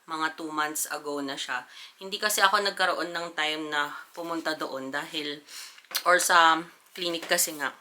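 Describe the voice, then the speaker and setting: A woman's voice: sits low, steady tone, normal speed, bright, forceful tone. A woman from the Philippines, a mother and family vlogger, chatting casually to her viewers at home as she does chores. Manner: chatty, addresses viewers as "mga mamshis" between chores.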